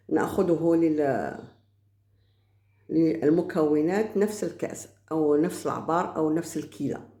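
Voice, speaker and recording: Brief: woman cook, low voice, patient repetitive how-to, echoey kitchen with pans clattering. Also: dark tone. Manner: slow, repetitive step-by-step instructions. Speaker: cooking channel host. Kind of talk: home cooking tutorial. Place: home kitchen. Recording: echoey kitchen, background noise. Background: pots and utensils clattering.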